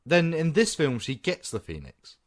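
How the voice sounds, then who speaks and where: A man co-hosting a podcast, giving opinionated, animated takes in casual film chat. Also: on the high side, normal speed. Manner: opinionated, animated, laughs often. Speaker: podcast co-host.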